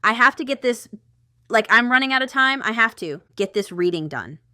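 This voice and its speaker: A woman who reads tarot and hosts a channel gives a casual, intuitive reading straight to the viewer, chatting, thinking aloud and wandering into rambling asides. Her voice is on the high side, pushed and bright, with lively intonation and a moderate pace. The recording is dry and of studio quality.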